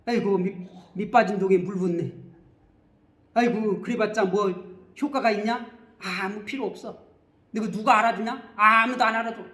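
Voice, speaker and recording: A man voicing a scornful worldly man who taunts believers in a sneering way, his voice raised high above his own. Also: moderate pace, fairly bright tone, roomy sound.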